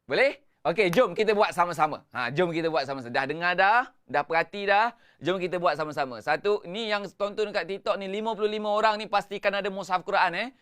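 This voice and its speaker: A man's voice: high-pitched, fast talker, fairly bright tone, clean tone. A Malaysian man teaching Quran recitation live, coaching with repeated instructions, counting in, and chanting the verses melodically. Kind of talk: live-streamed tajwid lesson.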